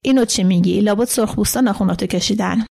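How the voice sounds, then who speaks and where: A woman's voice: mid-range voice, vocal fry, darkish tone. A woman reading the part of an agitated older man, a camp survivor who pleads with his friend insistently, in a storybook reading. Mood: urgent.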